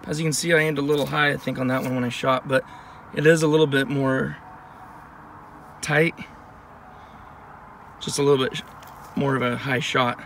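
A man's voice: mid-range voice, steady tone, moderate pace, long pauses, a bit bright, slight background noise. A man in his thirties giving a casual, matter-of-fact review at an outdoor shooting range, recorded by a camera a few steps away. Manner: plain, matter-of-fact explaining. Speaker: channel host. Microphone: camera mic at a distance.

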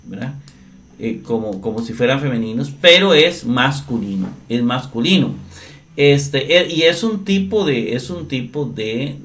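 Man, Greek grammar lesson, slow, deliberate, mid-pitched voice. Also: fairly bright tone. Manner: slow, deliberate, often asks "¿verdad?". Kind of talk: screen-share grammar lesson.

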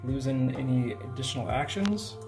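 A man playing a tabletop wargame, explaining his moves in a steady, methodical way. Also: mid-range voice, moderate pace, gravelly, over music. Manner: steady, methodical, hesitant fillers. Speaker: player. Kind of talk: casual tabletop game talk.

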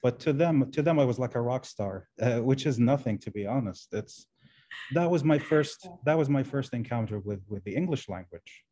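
A man's voice: mid-range voice, expressive, moderate pace, dark tone. A Kuwaiti man in his forties whose first language is Arabic, answering interview questions over a video call in a hesitant way, with many fillers and restarts. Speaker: guest, translation professor. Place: indoor room.

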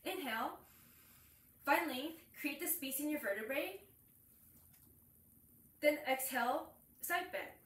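Recorded by a distant camera in a small, echoey indoor room with curtains and a yoga mat, a young woman with a slightly high, fairly bright voice teaches yoga. Her intonation is lively, yet she goes slowly with long pauses, explaining as she demonstrates poses and breaking off to cue breaths.

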